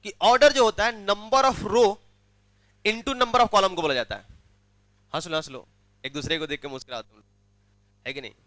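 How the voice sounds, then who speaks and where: Male maths teacher, high and bright, dry close sound, drills students with repeated questions. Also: no room sound. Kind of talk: classroom maths lecture.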